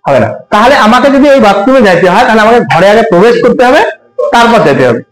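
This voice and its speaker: A man's voice: high-pitched, big pitch swings, fast, echoey room, poor audio. A man teaching a computer lesson in casual, colloquial speech, often putting questions to his students. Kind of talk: classroom lesson with everyday examples.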